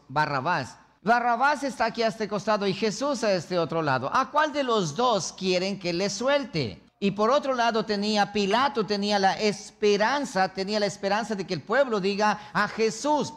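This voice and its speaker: A man's voice: high voice, a bit bright. A male pastor preaching a sermon with emphasis, firing rhetorical questions and acting out the scene.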